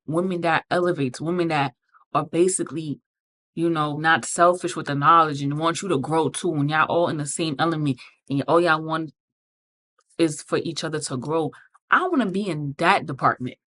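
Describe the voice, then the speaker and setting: A woman's voice: low-pitched, moderate pace, a bit bright. A woman hosting a podcast, giving blunt, profane motivational advice with emphatic repetition and frequent check-ins with the listener. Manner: repeats points with frequent "okay?" check-ins. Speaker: podcast host. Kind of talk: motivational casual talk.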